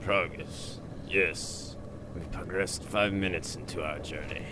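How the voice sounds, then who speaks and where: A man's voice: low voice, steady tone, slow, background noise. A man playing a grumpy male boat captain in an amateur comedy audio drama, sarcastic and flowery. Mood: grumbling.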